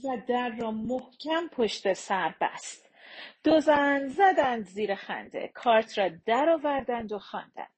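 A woman narrating an audiobook in a measured, even storytelling voice. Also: on the high side, a little hiss or hum, low-quality recording.

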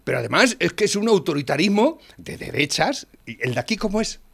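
A man's voice: sits high, big pitch swings, a little fast, creaky, husky. A man with a Spanish accent in casual political chat, blunt and profane, ranting and tagging lines with "eh?". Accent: Spanish from Spain. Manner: blunt, swears freely, rants loudly with frequent "¿eh?".

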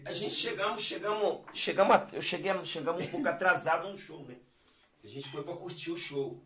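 A man's voice: on the high side, a little fast, a bit bright. A man from Brazil, a guest singer-songwriter, telling stories in laid-back slang in a podcast chat. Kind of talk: podcast chat with live singing. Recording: roomy, mic at a distance, guitar behind.

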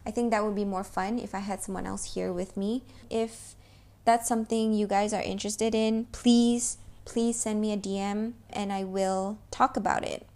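A woman's voice: mid-range voice, steady tone, normal speed, darkish tone. A young woman hosting a solo podcast, rambling casually and bluntly with frequent swearing. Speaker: podcast host.

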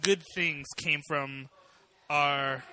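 A man's voice: on the high side, fairly even intonation, drawn-out words, bright, forceful tone, dry recording. A man co-hosting a podcast in casual chat, rambling with lots of fillers. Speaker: podcast co-host.

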